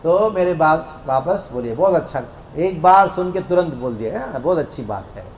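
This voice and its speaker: A man preaching a devotional discourse to a congregation in a temple hall, playful and lively, leading the crowd in call-and-response chanting. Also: a little high, normal speed. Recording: echoey hall with faint noise.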